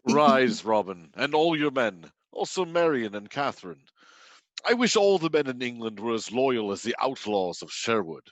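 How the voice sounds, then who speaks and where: Man doing a regal king, calm and commanding, lively voice. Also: mid-range voice, moderate pace, no echo, lightly acted. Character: regal, gracious disguised king. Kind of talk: stage radio-play acting.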